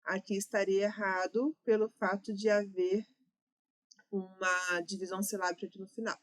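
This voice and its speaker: In a level, mid-range voice at normal speed, a woman with a Brazilian Portuguese accent teaches grammar for exam preparation. She goes through it methodically and corrects herself as needed.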